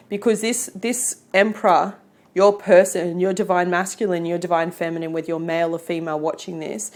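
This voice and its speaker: With an Australian accent and a lowish, slightly mellow voice, a woman gives a chatty tarot reading to camera. She's encouraging toward her viewers and often checks in with "okay?" and "right?"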